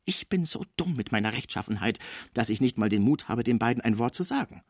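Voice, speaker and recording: A man's voice: medium pitch, expressive, fairly quick, a little mellow, no echo, clean studio sound. A man voicing a scheming middle-aged concierge woman who nurses the sick, overwrought and indignant as she protests her honesty.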